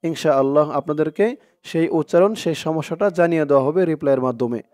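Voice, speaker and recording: A man teaching Quran recitation word by word, explaining each letter with slow, careful speech and chanting verses in long, drawn-out tones. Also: fairly high pitch, a little mellow, no room sound, studio quality. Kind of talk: word-by-word Quran spelling lesson.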